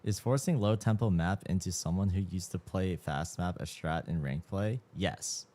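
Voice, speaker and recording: A man's voice: low voice, normal speed, warm tone. A man in his mid twenties, chatting casually as a livestream host, slangy and swearing freely, sounding tired. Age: 20s. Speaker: streamer.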